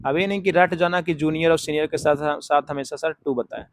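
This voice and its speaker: A man teaching an exam-prep English grammar lesson, explaining step by step, repeating key words slowly and asking and answering his own questions as he writes on a board. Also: fairly high pitch, fairly even intonation. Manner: writes on a board while talking.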